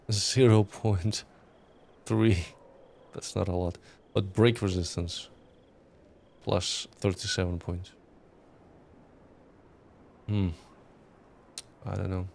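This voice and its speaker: A man's voice: lowish voice, vocal fry, a little mellow. A man doing casual game playthrough commentary, musing aloud and reading in-game text. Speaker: game streamer.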